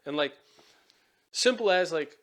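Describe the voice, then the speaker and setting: A man's voice: fairly high pitch, expressive, a little slow, a bit bright. A young man hosting a casual podcast chat, rambling with lots of fillers and frequent swearing. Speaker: podcast host.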